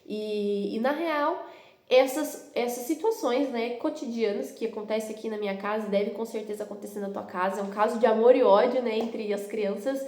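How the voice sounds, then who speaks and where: Brazilian parenting coach, a woman with a bit of a high voice, calm and explanatory, home room with a roomy echo. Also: normal speed. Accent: Brazilian Portuguese. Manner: calm explanatory, acts out parent-child dialogues. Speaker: parenting educator. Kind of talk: instructional video. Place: her home.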